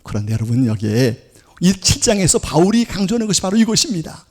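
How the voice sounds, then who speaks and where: Lively Korean pastor preaching. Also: male voice, high-pitched, quick pace. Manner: addresses the congregation often, asks questions and answers them; acts out accusing voices of law and sin. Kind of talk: sermon. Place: church sanctuary.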